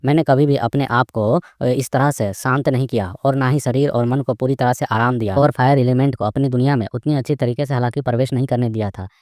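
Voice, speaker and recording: A man's voice: mid-range voice, steady tone, a little fast, few pauses, darkish tone, dry recording, clean studio sound, lightly acted. A man voicing an eager young cultivator. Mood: musing. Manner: earnest inner musing, coaxing.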